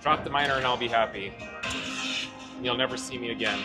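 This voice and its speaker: Man chatting casually over loud casino music. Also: medium pitch, fairly quick. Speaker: co-player in a slot vlog. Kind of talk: casual chat. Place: casino floor among slot machines.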